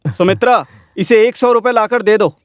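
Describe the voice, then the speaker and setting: A man dubbing a stern moneylender who answers with dry sarcasm and keeps careful accounts. His voice is fairly high for a man, and the sound is close and dry. Dubbed film dialogue. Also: normal speed, dry recording, lightly acted. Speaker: moneylender landlord.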